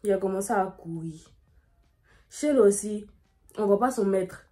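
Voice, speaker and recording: A young woman, telling a dramatic story in a lively way while doing her makeup. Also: mid-range voice, normal speed. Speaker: beauty vlogger.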